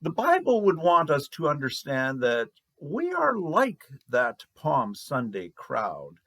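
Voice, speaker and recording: A man preaching a sermon as pastor, slow and measured with long pauses. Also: a little high, huge pitch swings, fairly bright tone, dry recording.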